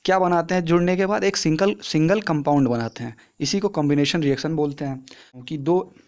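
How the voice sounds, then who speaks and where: A young man with a high, darkish voice talks briskly through a science lesson. His style is casual and classroom-chatty, posing questions and answering them himself.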